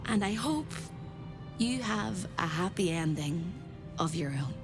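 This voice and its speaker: A woman's voice: fairly low pitch, animated, slow pace, loud music behind the voice. An actress playing a traumatised, tenderly hopeful captive woman in a video game, speaking in an earnest, dreamy way. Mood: wistful, hopeful. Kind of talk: video game drama acting.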